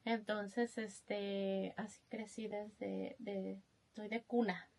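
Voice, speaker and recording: A young woman from Guatemala with a Guatemalan Spanish accent, telling her story as a podcast guest, soft-spoken and hesitant, with many fillers. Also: mid-range voice, flat delivery, extremely slow, gravelly. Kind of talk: testimony interview.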